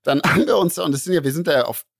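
A man, telling a long story as a podcast co-host in a lively, slangy way and acting out the voices in it. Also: fairly high pitch, racing, gravelly, breathy edge, dry recording, clean studio sound. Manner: animated, acts out voices in his anecdote, slangy. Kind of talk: casual storytelling among friends.

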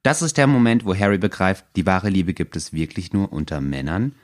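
Low-voiced man, ironic podcast chat. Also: very animated, brisk. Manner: ironic, joking. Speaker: podcast co-host. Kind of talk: casual podcast chat about a book.

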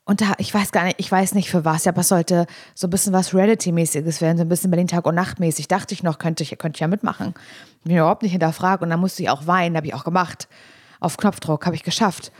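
A woman co-hosting a podcast in casual chat, with quick teasing reactions and playful banter. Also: lowish voice, fairly even intonation, breathy edge. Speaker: podcast co-host.

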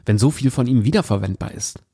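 A man's voice: mid-range voice, lively intonation, quick pace, mellow, husky. A man reading aloud the lines of an upset young woman who pleads and insists with her fiancé. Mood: pleading.

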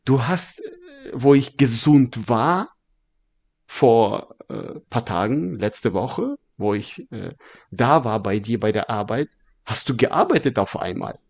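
A man's voice: mid-range voice, very animated, slow pace, gravelly, darkish tone, husky. A man co-hosting a casual podcast chat, rambling and stumbling over his words as he tells a joke. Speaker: podcast co-host.

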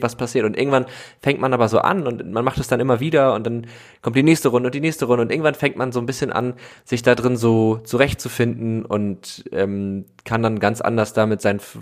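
Man, podcast host, casual chat, relaxed, mid-pitched voice, thinks aloud. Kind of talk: casual conversational interview.

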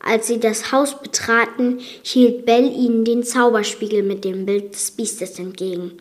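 Woman, raised voice, measured reading, fairy-tale podcast narration. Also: fairly high pitch, steady tone.

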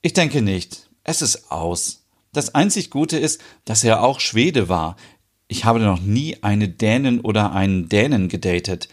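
A man's voice: on the low side, animated, measured pace. A man voicing a frank, open young Swedish woman in an audio soap, explaining earnestly.

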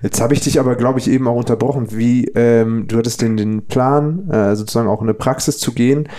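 A man's voice: medium pitch, steady tone, quick pace, warm tone. A man co-hosting a podcast, asking chatty, teasing questions in a casual interview. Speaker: podcast co-host.

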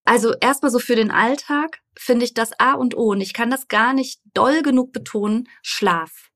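A middle-aged woman therapist explaining coping exercises in a calm, casual conversation, with lively emphasis. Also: on the high side, normal speed. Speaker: psychotherapist guest.

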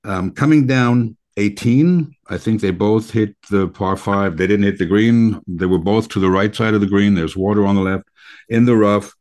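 A man hosting a radio talk show in a conversational style, with halting, deliberate phrasing. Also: on the low side, a little mellow.

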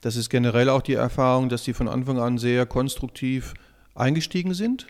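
A man's voice: medium pitch, fairly quick. A man, a theatre director, giving a thoughtful interview soundbite.

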